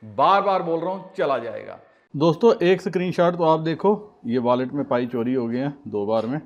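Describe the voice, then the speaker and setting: Man, host of a casual advice vlog, fairly high voice, earnest and insistent, repeats his warnings. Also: brisk, lo-fi sound. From India. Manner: pleading, personal tone with viewers. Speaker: crypto channel host.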